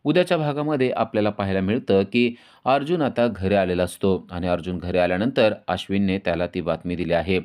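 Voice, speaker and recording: A man narrating a recap of a TV serial episode in a steady storytelling manner. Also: deep voice, brisk, clean tone.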